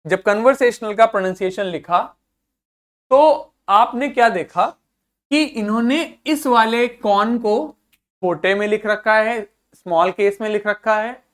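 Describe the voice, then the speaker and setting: A male teacher giving a classroom lesson on English pronunciation, patiently repeating words slowly and stressing each syllable. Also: sits high, fairly bright tone. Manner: patient, checks understanding often.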